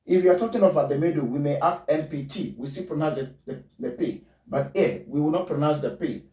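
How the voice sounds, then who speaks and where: A man teaching a pronunciation lesson, spelling words out letter by letter and repeating each one slowly. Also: a little high, dark tone. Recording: roomy, distant mic.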